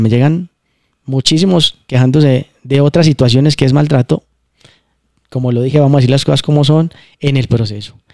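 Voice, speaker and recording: A man's voice: medium pitch, a little mellow, no echo, studio quality. A man hosting a casual spiritual talk, explaining emphatically and repeating his points. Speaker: channel host.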